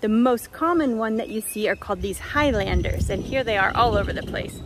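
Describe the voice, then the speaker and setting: A woman's voice: a little high, brisk, heavy background noise. A middle-aged woman narrating a travel vlog in a chatty, upbeat way, explaining as she goes. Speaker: travel vlogger.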